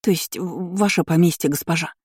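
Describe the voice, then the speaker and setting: A timid young maid stammers in a raised, startled voice, as a woman reader puts her on. Her tone stays mellow and dark, and the sound is dry and close. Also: lowish voice, steady tone, moderate pace, dry recording, natural voice.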